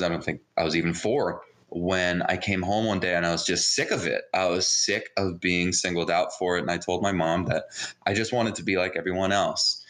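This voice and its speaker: A low-pitched, fairly bright-toned man, born in Israel and raised in New Jersey with an American accent, tells personal stories as a podcast guest. A mindset coach, he speaks informally and candidly in a casual, conversational way.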